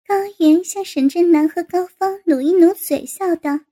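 A woman reading a story aloud in a steady storytelling manner. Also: extremely high pitch, normal speed. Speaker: narrator. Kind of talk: read-aloud story narration.

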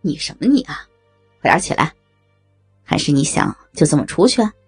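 A woman's voice: on the low side, animated, moderate pace, vocal fry, faint music behind, voice pushed down. A woman voicing a crude, menacing man in an erotic audio story, in a sneering, bullying manner. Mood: sneering menace.

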